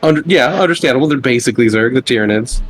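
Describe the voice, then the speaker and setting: A man's voice: mid-range voice, expressive, quick pace, faint music behind. A man chatting casually as a tabletop game player, laughing along and explaining things plainly. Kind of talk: casual chat between players.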